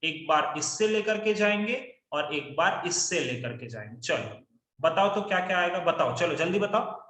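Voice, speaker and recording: A man's voice: fairly high pitch, expressive, moderate pace, a bit bright, roomy sound. A man teaching maths in an online class, coaxing his students to call out answers.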